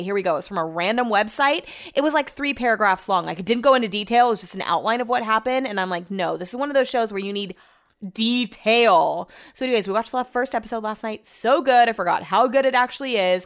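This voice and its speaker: A woman's voice: on the high side, expressive, brisk, fairly bright tone. A woman in her thirties talking casually in a vlog, rambling and chatty, swearing freely. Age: 30s. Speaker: vlogger.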